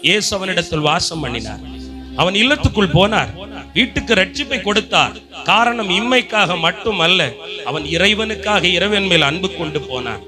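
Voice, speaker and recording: High-voiced impassioned male preacher. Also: expressive, normal speed. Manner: impassioned preaching, rising to shouts, calls for amen. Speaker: pastor. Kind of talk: Tamil sermon. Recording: preaching with clear music behind.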